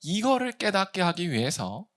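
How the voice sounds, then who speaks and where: Animated pastor preaching with big swings. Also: male voice, normal speed. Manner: lively, acts out quoted complaints with big swings in pitch and volume; conversational, asks the congregation questions. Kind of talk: sermon.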